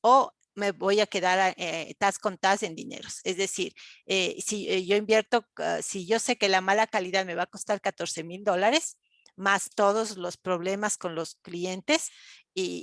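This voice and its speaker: Speaking in a mid-range voice with no echo, a university lecturer walks her online class through the material step by step. She often uses fillers and pauses to check in with students.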